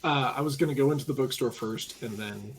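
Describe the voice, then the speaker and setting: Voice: medium pitch, a little fast, a little hiss or hum, low-quality recording. A player in a tabletop game, describing actions in a plain, matter-of-fact way. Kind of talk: casual tabletop play.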